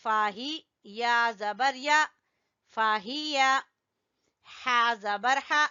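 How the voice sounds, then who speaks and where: A woman teaching Quran recitation, slowly spelling out letters and vowel marks and having learners repeat them after her. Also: fairly high pitch, smooth, muffled recording. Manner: corrects learners gently. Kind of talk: slow drilling lesson with call-and-response.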